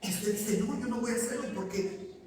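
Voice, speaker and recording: A man's voice: high-pitched, fairly quick, darkish tone. A man from Ecuador preaching a sermon in a church, addressing listeners directly and answering his own questions. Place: church sanctuary. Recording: echoey hall, voice from far off.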